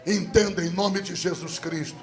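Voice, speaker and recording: A male Brazilian Pentecostal pastor preaching, who swings from loud sing-song shouting to low, intimate teaching. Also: fairly even intonation, moderate pace, a crowd in the background. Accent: Brazilian Portuguese. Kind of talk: Pentecostal sermon. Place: rooftop church service.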